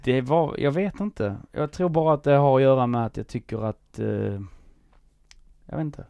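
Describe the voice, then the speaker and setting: A man with a Skåne accent talks as a musician guest, unhurried and full of hesitant fillers. His voice has a gravelly edge. The sound is dry and close. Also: mid-range voice, animated, warm tone, no echo. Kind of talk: casual chat.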